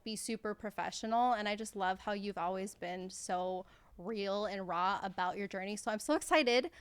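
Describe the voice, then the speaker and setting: A woman's voice: medium pitch, moderate pace, clean tone, dry recording. Bubbly Midwestern woman podcast host. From American Midwest. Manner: bubbly, enthusiastic, says "like" often. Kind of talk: casual podcast interview.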